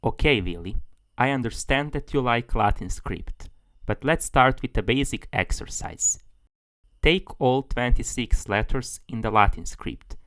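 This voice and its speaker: A man's voice: medium pitch, unhurried, fairly bright tone, dry recording. A man giving a tutorial as a language tutor, explaining things steadily, step by step.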